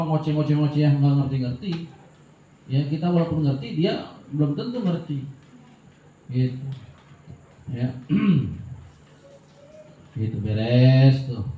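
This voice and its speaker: A man, teaching grammar from a classical text in a casual way that asks and answers his own questions. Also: on the high side. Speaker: religious teacher. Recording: echoey, dull room recording.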